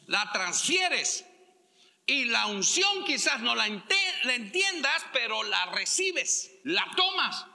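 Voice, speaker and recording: A male pastor preaching a sermon, stressing words slowly and acting out quotes. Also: very high-pitched, vocal fry, pushed and bright, long reverb tail. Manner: preaching with slow emphatic stresses and acted-out quotes.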